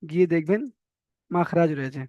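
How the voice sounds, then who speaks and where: A male Quran teacher in an online lesson, patiently explaining pronunciation and repeating each sound slowly. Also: a little high, dry recording, highs cut off.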